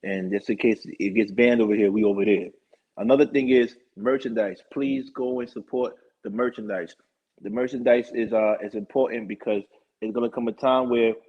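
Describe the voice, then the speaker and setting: A man hosting his own live talk show, rambling through shout-outs and sponsor plugs in casual chat. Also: mid-range voice. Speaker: show host. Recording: dull lo-fi stream audio.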